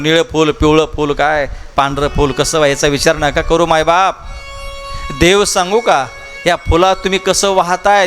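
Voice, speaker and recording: Impassioned high-voiced Marathi preacher. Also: male voice, sharp tone. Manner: impassioned, rhetorical questions to the crowd, repeats phrases, calls listeners maybap. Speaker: kirtan preacher telling the Shiv Mahapuran katha. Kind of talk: devotional katha sermon. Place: large public gathering at a festival.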